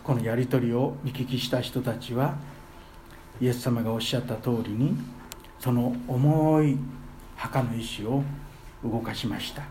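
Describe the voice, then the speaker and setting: A man preaching a sermon as pastor, earnest, with his voice swelling loudly on key phrases. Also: mid-range voice, steady tone, a little slow, long pauses, a little hiss or hum.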